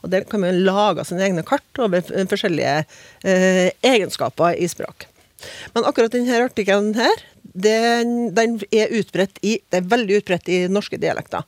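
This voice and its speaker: A woman's voice: mid-range voice, no room sound. A woman on a radio language panel, patiently explaining grammar with examples and tag questions, recorded in a studio.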